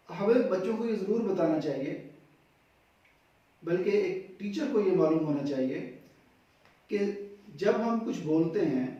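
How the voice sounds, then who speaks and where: Male phonics teacher, unhurried word-by-word delivery, slightly high mellow voice, distant and roomy. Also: lo-fi sound. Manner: reads word lists slowly, one word at a time. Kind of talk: slow word-list lesson.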